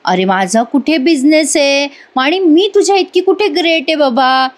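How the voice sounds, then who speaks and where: A woman voicing a teasing, sarcastic young woman who mocks slowly and draws out her words. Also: high-pitched, expressive, pitched above the performer's own voice. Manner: mocking, drawn-out teasing.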